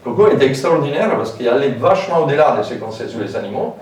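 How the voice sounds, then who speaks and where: Lecturer in a very echoey hall. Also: male voice, mid-range voice, expressive, fast, a little mellow. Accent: French with a foreign lilt. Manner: informal, hesitant, many fillers and asides. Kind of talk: public lecture. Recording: very echoey hall, distant mic, faint noise.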